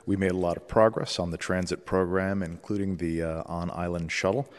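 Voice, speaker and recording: A man chairing a formal public board meeting, speaking in a measured, procedural way with frequent "uh" and "um". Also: low voice, steady tone. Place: large legislative chamber. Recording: long reverb of a large chamber.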